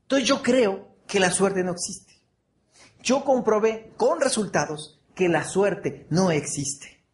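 A man's voice: sits high, lively intonation, slow pace. A man giving a motivational speech to an audience, earnest, repeating phrases and asking the audience for agreement. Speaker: motivational speaker.

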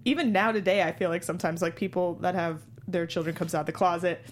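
A woman's voice: on the low side, steady tone, fast talker, a little hiss or hum. A woman co-hosting a casual theater discussion, enthusiastic and rambling. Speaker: podcast co-host. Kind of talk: casual chat.

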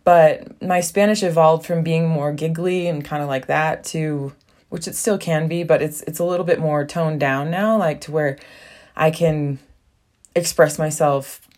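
A deep, steady, slightly mellow voice belongs to a young woman whose first language is English. Talking a little slowly, she hosts a casual solo podcast from a small bathroom at home, rambling with many fillers and laughing frequently.

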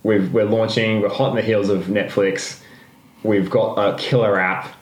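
A man's voice: on the low side, flat delivery, a little slow. A man co-hosting a podcast in casual chat, rambling and laughing often as he corrects himself. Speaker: podcast co-host. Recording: roomy echo.

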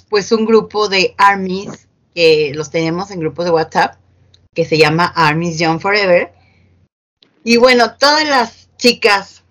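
Chatty woman hosting an interview. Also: medium pitch. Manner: chatty, warm filler-laden questioning. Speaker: host.

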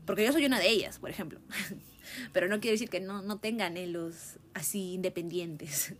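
A woman's voice: mid-range voice, a little hiss or hum. Reflective young woman musing aloud. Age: 20s. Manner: thinking aloud, musing, ends points with a questioning tag. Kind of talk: reflective casual monologue.

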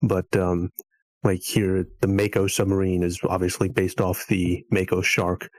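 A man's voice: low-pitched, completely flat delivery, a little slow, a little mellow, dry recording, poor audio. A man, a podcast guest, chatting casually in a hesitant, meandering way.

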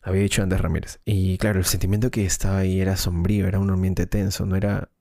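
A man's voice: sits low, level tone, fast talker, gravelly, mellow, no room sound, clean studio sound. A man, co-hosting a podcast, telling a long story in a rambling casual way, full of slang and restarts. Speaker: podcast co-host, filmmaker. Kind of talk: casual chat.

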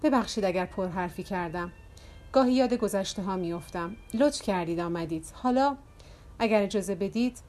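A woman's voice: mid-range voice, a little mellow, close to an everyday voice. A woman voicing a tired, polite older woman in an audiobook. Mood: weary. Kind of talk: audiobook character reading.

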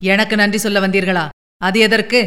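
Woman doing a loud, blunt village farmer. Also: mid-range voice, level tone, moderate pace, natural voice. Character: plain-spoken adult male village farmer.

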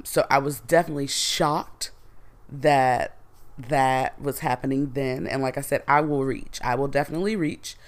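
Chatty woman hosting a solo podcast. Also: rumbling low. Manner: chatty and slangy, with frequent fillers. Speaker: podcast host. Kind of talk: casual solo podcast monologue.

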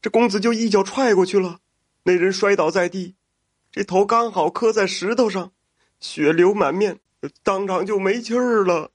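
A man voicing an old loyal butler in a folk tale, talking in a low, conspiring way. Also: normal speed, no room sound. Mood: urgent report. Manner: hushed, conspiring.

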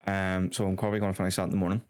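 Tired, laid-back man with a low voice. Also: flat delivery, darkish tone. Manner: laid-back, slow and easygoing. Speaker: podcast co-host. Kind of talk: casual banter podcast.

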